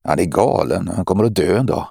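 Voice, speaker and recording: A man voicing a gruff young father who scolds and shouts in an audiobook. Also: deep voice, expressive, no room sound, studio quality, heavily acted.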